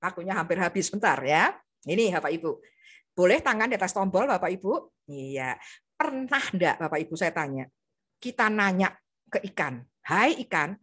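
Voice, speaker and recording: Woman, Javanese accent, lively up-and-down pitch, bright forceful tone, fairly high voice, online seminar talk, quizzing listeners by name. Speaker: psychologist guest speaker.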